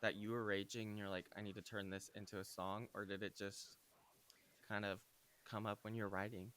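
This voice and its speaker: A man's voice: lowish voice, little pitch movement, brisk, fairly bright tone. A man hosting a casual interview, upbeat and enthusiastic with slangy reactions. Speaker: podcast host.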